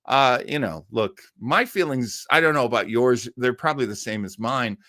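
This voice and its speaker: A middle-aged man with a medium-pitched, sharp-toned voice talks at a moderate pace while hosting an old time radio web show. He answers audience comments in a casual livestream chat, rambling, effusive and repeating words for emphasis. The sound is dry and studio quality.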